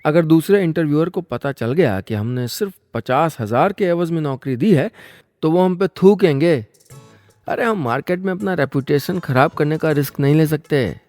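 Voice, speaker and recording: A man's voice: lively intonation, normal speed, a little mellow, no echo, soft background music, lightly acted. A man voicing a pompous male job interviewer who lectures and mocks, slipping into English phrases. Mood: condescending. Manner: lecturing, mixes English phrases, swings pitch for effect.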